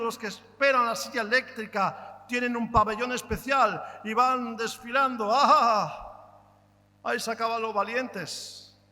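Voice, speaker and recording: Male pastor, high and bright delivery, fervent sermon style with sudden loud and soft turns, long church-hall reverb. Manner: impassioned, rhetorical questions, swings between loud and hushed. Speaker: preacher.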